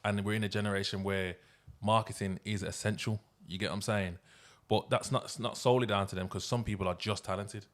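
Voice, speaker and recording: A man's voice: fairly low pitch, steady tone, fast talker, fairly bright tone. A male interview host speaks. His talk is casual and slangy. He keeps checking that his point is understood. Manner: informal slang, repeated check-in phrases.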